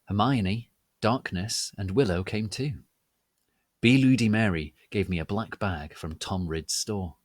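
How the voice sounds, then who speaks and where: A man's voice: fairly low pitch, unhurried, dry recording. A man narrating a dramatic reading of fan fiction in a hammy, theatrical, stagey manner.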